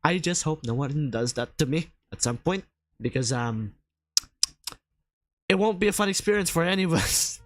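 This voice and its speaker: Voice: mid-range voice, animated, normal speed, pauses often. A stream host in casual group chat, joking with exaggerated outrage and laughing often.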